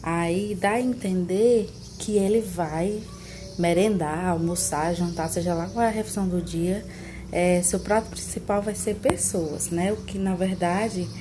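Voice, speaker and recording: A woman from Brazil teaching a recorded online class, explaining slowly, repeating examples and checking with tag questions. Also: mid-range voice, noisy background.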